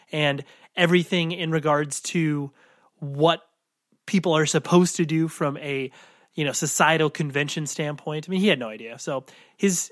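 A man's voice: fairly high pitch, no room sound, clean studio sound. Nasal, stuffed-up male podcast host. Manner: informal, mild swearing, rambling asides. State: congested from a cold. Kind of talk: casual, chatty podcast introduction.

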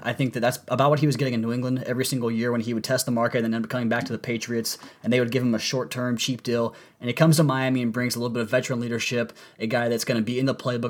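A man hosting a sports podcast with enthusiastic, wordy commentary, his voice strained and congested from a sore throat, like swollen tonsils. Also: medium pitch. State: sore throat from a cold, voice partly lost.

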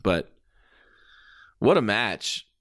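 A man's voice: on the low side, sing-song, very slow, a bit bright. A man doing casual play-by-play as a wrestling commentator, reacting with exclamations and the odd swear word.

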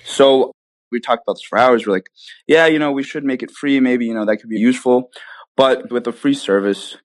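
Brisk and mid-pitched, this young man is a startup founder being interviewed, responding with easygoing excitement and habitual tags like "you know" and "right?". The recording is dry and the audio quality is poor.

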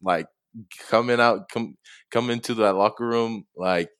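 Young man from tonga, low smooth voice, halting answers with lots of uh and like. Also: no room sound, studio quality. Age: young adult. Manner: soft-spoken, hesitant, many fillers and chuckles. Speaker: football player guest. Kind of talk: casual interview answers.

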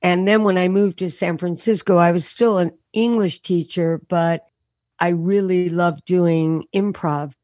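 A woman comedian telling stories in an interview over a remote call, her voice deeper than usual and worn from a show and rehearsals. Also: fairly even intonation, a little mellow, no room sound. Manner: anecdotal, self-mocking, quick punchlines. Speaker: comedian guest. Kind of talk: casual storytelling interview. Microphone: remote call over unstable internet.

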